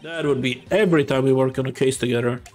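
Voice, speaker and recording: A man's voice: mid-range voice, fairly even intonation, fast talker, a little mellow, soft background music, close to an everyday voice. A man voicing a weary young male defense lawyer in a dry, exasperated tone.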